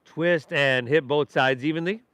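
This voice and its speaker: Male yoga instructor, clear resonant voice on the higher side, dry close sound, easygoing and encouraging. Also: measured pace, fairly bright tone, no room sound. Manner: encouraging, easygoing, addresses the class informally. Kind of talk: guided yoga class instruction.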